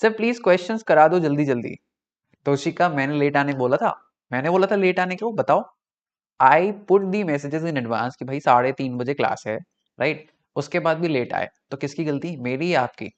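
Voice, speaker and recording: A man's voice: fairly high pitch, normal speed, dull audio. A young man with an Indian accent teaching a live online class, switching between Hindi and English and often checking in with the students. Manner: mixes Hindi and English, chatty, checks in with "right?". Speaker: online tutor.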